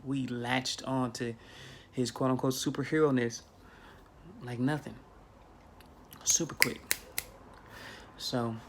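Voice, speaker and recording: This mid-range male voice comes from a spiritual vlogger in his thirties recording on a phone camera at arm's length in a small bedroom. His talk is casual yet preachy and emphatic, with repetition for effect, and slight background noise is audible.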